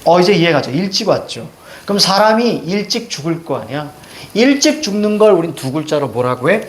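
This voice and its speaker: A man's voice: fairly high pitch, big pitch swings, a little fast. A man teaching a class, explaining a text step by step, asking students questions and drawing on the board as he goes. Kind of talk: classroom lecture.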